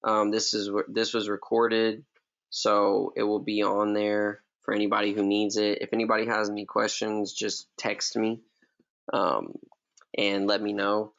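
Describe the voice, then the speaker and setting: Gravelly low-voiced man coaching traders. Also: level tone, a little slow, fairly bright tone, lo-fi sound. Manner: laid-back, slangy, repeats himself. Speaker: forex trading mentor. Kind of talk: casual live trading session.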